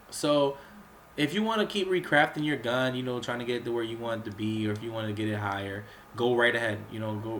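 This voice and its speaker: Fairly bright and mid-range, the voice of this under-the-weather gaming channel host sounds slightly off from a cold as he casually covers a game's crafting menus. He keeps clearing his throat and coughing, rambling with lots of fillers and restarts, over a little hiss or hum.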